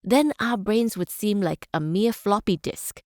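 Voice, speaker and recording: A woman performs a visionary female scientist-chancellor from a strategy game. She speaks in measured, articulate sentences with earnest conviction, at a middling pitch. The sound is dry and clean of any room. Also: darkish tone, no echo, natural voice. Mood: lecturing. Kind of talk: formal speeches and quotations in a strategy game.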